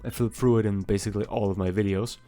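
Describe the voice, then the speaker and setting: A young Austrian who speaks German natively talks fast and in a steady tone as an artist vlogger narrating his drawing. His low, mellow, soft voice rambles chattily and pokes fun at himself over faint music.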